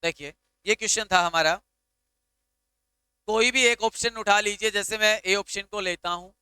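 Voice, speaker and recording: A man's voice: high-pitched, pushed and bright, clear, resonant tone, no room sound. A man teaching a math lesson for exam students, patiently talking through each step and repeating fractions aloud. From India.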